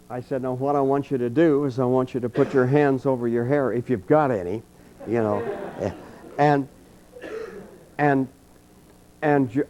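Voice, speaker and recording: Older man, mellow dark voice, folksy calm teacher, leading a class, dull lo-fi archive tape. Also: mid-range voice. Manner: folksy, anecdotal, calm coaching. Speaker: trumpet teacher giving a clinic. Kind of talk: storytelling and leading a breathing exercise. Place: college clinic room with an audience.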